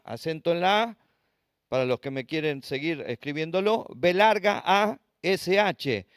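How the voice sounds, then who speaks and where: High-voiced Argentine man teaching the Bible. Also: no room sound, clean studio sound. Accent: Argentine Spanish. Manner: asks the class rhetorical questions and spells out Hebrew words. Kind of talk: Bible study lesson. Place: church.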